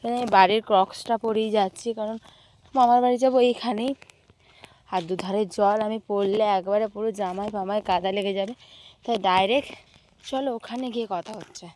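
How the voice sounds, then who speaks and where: Hoarse young woman vlogging outside, talking soft and quiet while she walks, camera held back a bit. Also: medium pitch, a little fast, slight background noise. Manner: speaks softly while walking. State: hoarse, lost voice. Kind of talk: casual vlog chat to camera. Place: outdoors, walking through fields. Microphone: handheld camera kept at a distance.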